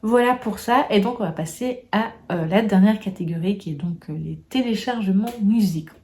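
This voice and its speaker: A woman's voice: mid-range voice, normal speed, darkish tone. A woman chatting casually in a monthly vlog wrap-up, hesitant and full of fillers and restarts. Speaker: booktube vlogger.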